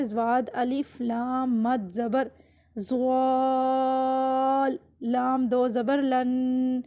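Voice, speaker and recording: A woman teaching Quran reading. She spells out letters slowly, syllable by syllable, then explains quickly, often checking with "theek hai?". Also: high voice, mellow, no room sound. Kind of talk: slow syllable-by-syllable recitation lesson.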